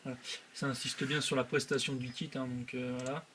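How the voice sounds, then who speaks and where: A man's voice: mid-range voice, flat delivery, fairly quick, fairly bright tone. Young guy doing a screen tutorial, lots of umms, faint hiss behind him. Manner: hesitant, many filler sounds. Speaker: channel host. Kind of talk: screen-recorded software tutorial.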